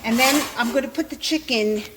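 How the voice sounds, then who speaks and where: A woman's voice: high voice, brisk. A mature woman with a Brooklyn accent casually talking through a home-cooking demonstration as she works. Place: echoey apartment kitchen, indoors. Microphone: handheld camera, no tripod. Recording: echoey room with clear frying sizzle noise. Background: sizzling pan and stirring.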